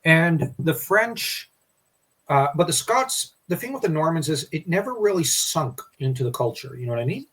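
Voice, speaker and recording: Casual co-host, male, slightly high voice, loose and rambling delivery. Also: lively intonation, normal speed, fairly bright tone, slightly rough. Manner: rambling, restarts often. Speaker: podcast co-host. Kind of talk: casual history discussion.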